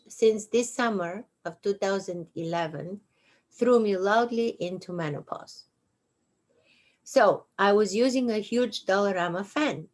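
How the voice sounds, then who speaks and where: At home on a couch, a woman in her sixties reads from her memoir in a medium-pitched voice with a Bulgarian accent. She hosts her own show and delivers the text slowly, deliberately and with dry wit.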